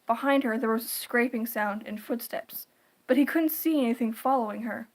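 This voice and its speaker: Higher-pitched woman narrating horror. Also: fairly even intonation, moderate pace. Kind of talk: scripted creepypasta narration.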